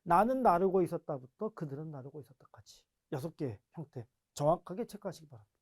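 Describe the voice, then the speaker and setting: A man's voice: fairly high pitch, fast. A man teaching an online grammar lecture in a chatty classroom way, asking rhetorical questions and repeating drilled word forms. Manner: chatty, explaining in a lively classroom way.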